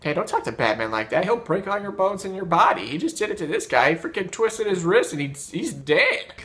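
Gamer dude clowning around, highish voice that jumps a lot, game music behind. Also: male voice, big pitch swings, brisk. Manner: loud, joking, yelling out bits. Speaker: gaming video host. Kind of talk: comedic gameplay commentary.

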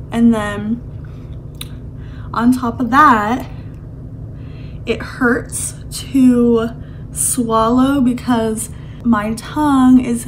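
Brief: woman vlogger, slightly high voice, slow unhurried delivery, a slight lisp, candid chatty diary tone full of fillers. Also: a little hiss or hum, poor audio. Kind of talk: casual video diary.

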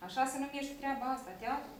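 A woman's voice: sits high, steady tone, noisy background, natural voice. A woman reading as an old grumbling shepherd. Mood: coaching. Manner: grumbling, folksy, coaching. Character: old male shepherd, weary then playful. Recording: echoey room from a distance.

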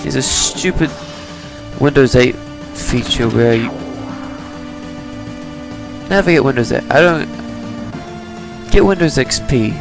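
Over background game music, a man plays a video game and offers casual, sarcastic commentary, muttering to himself as a let's player. His medium-pitched voice is gravelly, with lively intonation, a slow pace, and long pauses.

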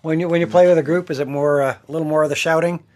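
A man's voice: a little high, steady tone, very fast, darkish tone. A man hosting an online open mic, bantering in a friendly, joking way over a video call. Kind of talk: casual chat on a video call.

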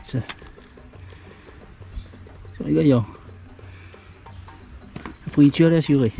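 A middle-aged man with a Réunionese French accent, casually narrating as he digs larvae from rotten wood in a forest, then fries them at home, explaining in a plain, halting way. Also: a little high, vocal fry, dark tone, soft background music. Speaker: outdoor video host. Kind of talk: casual narration while foraging and cooking.

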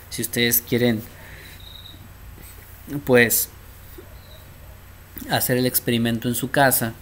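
A man's voice: medium pitch, slight background noise. A man teaching math in a casual way, often checking in with the class and repeating himself. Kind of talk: informal math lesson at a board.

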